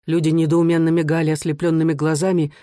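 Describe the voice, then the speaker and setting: An audiobook reader narrating a classic novel in an even, measured way. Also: medium pitch, dry recording, studio quality.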